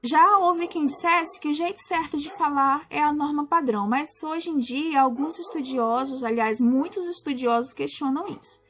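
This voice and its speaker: High-voiced patient woman teacher. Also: normal speed, few pauses, fairly bright tone, faint music behind. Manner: patient, explanatory, with many restarts and fillers. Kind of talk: recorded class explanation.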